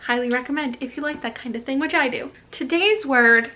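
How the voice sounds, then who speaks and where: A woman book vlogger chatting casually about words and books, wry and quick to laugh at herself. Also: high voice, bright, forceful tone, a little hiss or hum. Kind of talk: casual vlog chat.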